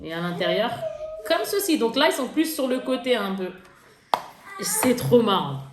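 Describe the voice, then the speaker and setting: A chatty woman vlogger talks through a makeup haul, laughing and teasing herself as she goes. Her pitch swings up and down a lot. She sounds a bit roomy and echoey, with a faint hiss behind her. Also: moderate pace. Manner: chatty, laughing, lively, self-mocking. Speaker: beauty vlogger. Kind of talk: casual haul vlog. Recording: echoey room with faint noise.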